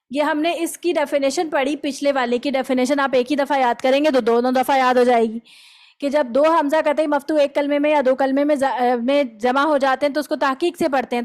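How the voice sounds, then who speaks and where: A woman teaching a tajweed lesson. She explains the rules step by step, often checks with her students, and recites example words slowly to show them. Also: high-pitched, fairly even intonation.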